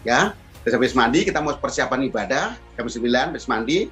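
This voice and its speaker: A middle-aged man telling a personal testimony in a sermon as pastor, with animated storytelling. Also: medium pitch, brisk, faint music behind. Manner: animated storytelling, acts out quoted voices.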